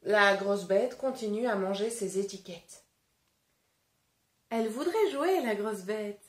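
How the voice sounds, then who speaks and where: Woman teacher, storybook reading for kids, very slow, lively up-and-down voice, roomy echo. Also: mid-range voice. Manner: slow, clearly articulated, animated teacher voice. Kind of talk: interactive storybook reading and phonics lesson.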